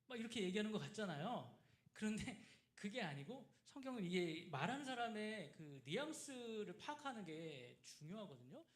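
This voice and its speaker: A man's voice: high-pitched, moderate pace. A male pastor preaching a sermon, asking the congregation questions and acting out the people in his story. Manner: acts out quoted people in lively asides, asks the congregation questions. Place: church sanctuary. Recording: roomy church echo.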